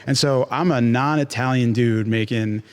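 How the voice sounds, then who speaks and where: A young man talking easily as a guest on an interview show. His pitch sits in the middle, and his delivery is loose and chatty, full of fillers and casual slang. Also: normal speed. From born in Chile, raised near New York City. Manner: relaxed and chatty, many fillers like "like" and "you know". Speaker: guest, pizza shop owner.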